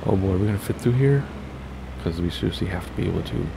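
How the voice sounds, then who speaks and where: Talking fast, a low-voiced man with a raspy rasp narrates his flight sim play in a chatty, think-aloud style. It's casual gameplay commentary, with steady background hiss throughout.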